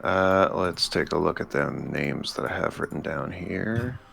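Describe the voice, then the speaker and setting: A man's voice: low voice, lively intonation, unhurried, gravelly, fairly bright tone, a little hiss or hum. A man playing in a casual tabletop role-playing session, joking and chatting with the group. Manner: playful, laughs often. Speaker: player.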